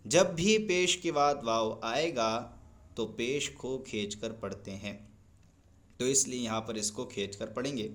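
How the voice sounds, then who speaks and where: A man with a Pakistani Urdu accent teaching Quran recitation, explaining pronunciation rules slowly and carefully. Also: mid-range voice, fairly bright tone. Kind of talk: tajweed lesson with chanted recitation.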